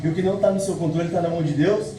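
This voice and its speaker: A Brazilian man with a fairly high voice urges his followers not to lose heart. He sounds far from the phone, deep in a ringing echo, with loud street noise around him. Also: steady tone, rapid-fire. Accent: Brazilian Portuguese. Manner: urgent, encouraging, exhorting. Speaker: motivational business speaker. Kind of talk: pep talk to followers in a clip. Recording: distant echoey phone clip with street noise.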